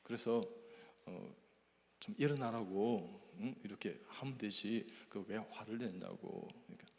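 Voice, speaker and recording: A man's voice: lowish voice, measured pace, creaky, a little mellow. An older man, a church elder, telling a personal testimony as a sermon and acting out the dialogue in his stories. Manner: storytelling, acting out quoted dialogue, breaks into hymn singing. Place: church sanctuary. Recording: echoey church hall.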